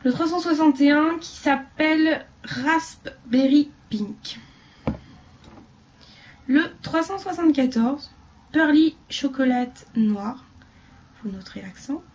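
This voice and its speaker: A woman chatting casually through a beauty haul video, rambling with fillers and dropping into quiet asides. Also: high voice, slow. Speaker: beauty vlogger.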